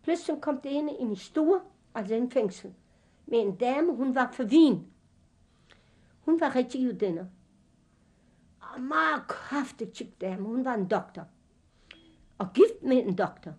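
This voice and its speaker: Older woman, halting speech. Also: fairly high pitch, a little mellow. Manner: halting, with fillers and slips of grammar. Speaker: witness recounting her past. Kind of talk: personal testimony.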